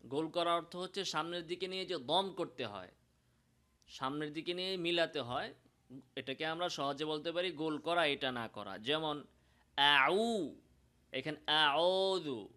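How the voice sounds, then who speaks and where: A man with a Bangladeshi Bengali accent teaching Quran pronunciation, explaining slowly and demonstrating sounds in drawn-out chanted examples. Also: on the high side, sharp tone. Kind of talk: recitation lesson.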